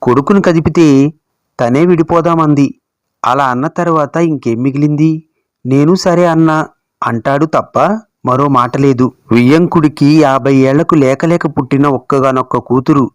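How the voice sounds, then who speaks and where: A man narrates a written story in an even, measured way. His voice sits a little above the usual male pitch. The recording is dry and close, with no room sound. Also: no echo.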